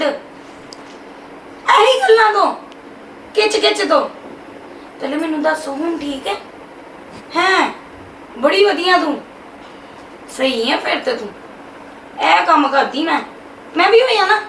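Woman as a young daughter-in-law, defiant, argumentative, high voice, gravelly edge. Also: expressive, slow, pauses often, a bit bright, a little hiss or hum, exaggerated voice, poor audio. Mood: chatty. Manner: argumentative, snapping back. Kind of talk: amateur family drama skit.

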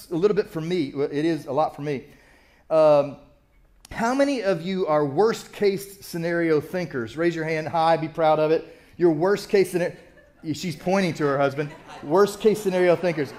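A man's voice: fairly high pitch, animated, moderate pace, a little mellow. An older man, a pastor, preaching a sermon in a church in a conversational, self-deprecating storytelling way. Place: church sanctuary.

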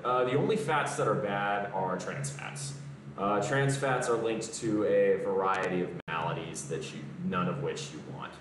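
A young Southern American man with a lowish voice chats casually on a live stream from his home gym, answering comments between exercises. He's a fitness streamer picked up by a distant camera mic, with roomy garage echo and background noise.

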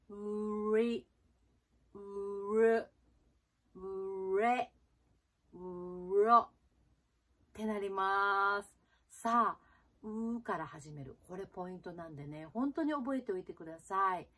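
A woman's voice: mid-range voice, breathy edge. Woman from Japan, jazz singer and pronunciation teacher; friendly, chatty video-lesson delivery. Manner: chatty, with frequent fillers and soft tag particles; slow, drawn-out sound demonstrations.

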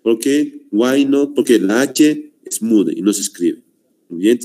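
A man's voice: medium pitch, animated, unhurried, dark tone. A man teaching a language class, stressing and repeating his points while addressing the students as "señores.". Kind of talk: online class lecture.

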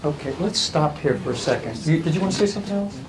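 A man's voice: a little high, expressive, quick pace. Man, middle-aged, discussion moderator, playful probing questions, distant mic, faint hiss. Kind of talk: facilitating a group discussion. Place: large school library, indoors.

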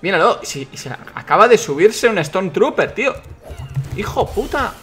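A young man commentates a video game, excitable and quick to swear and shout at what happens on screen. His voice sits a little high for a man. Faint game music plays underneath. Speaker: gaming YouTuber. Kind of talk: let's play commentary.

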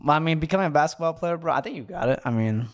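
A young man co-hosting a podcast in casual chat, animated as he hypes up stories. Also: on the high side, very fast. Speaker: podcast co-host.

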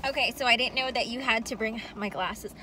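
Woman in her thirties, upbeat casual vlog, phone held at arm's length, slightly high voice, faint hiss behind. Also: fairly quick. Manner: chatty, upbeat, many ums. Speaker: vlogger. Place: at home, then in a parked car. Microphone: phone camera at arm's length.

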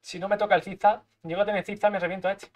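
A young man from Spain with a Spanish accent, giving live gameplay commentary, excitable and swearing, muttering to himself as he plays. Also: high voice, rapid-fire. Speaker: streamer.

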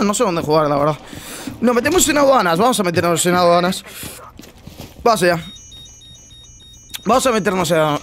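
A man from chatting casually over gameplay, just woken up, slangy and prone to loud teasing shouts. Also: high voice. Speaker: gaming streamer.

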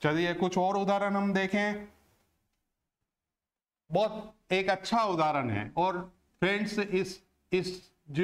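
A man teaching a lesson on word stress, slow and deliberate, who asks questions and answers them himself. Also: sits high. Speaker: English teacher.

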